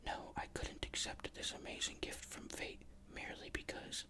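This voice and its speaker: A narrator reading a ghost story in a breathy, unvoiced whisper, with measured, careful literary phrasing. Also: pushed and bright.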